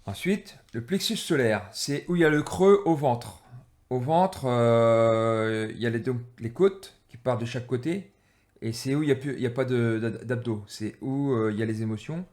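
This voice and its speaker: A man at a middle pitch talks through a drawing exercise step by step. He speaks in a halting way, full of pauses and fillers, and sounds drained and irritated. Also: darkish tone. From France. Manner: halting, many fillers and restarts. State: low-energy, irritated. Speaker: energy-healing teacher. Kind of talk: explaining while drawing.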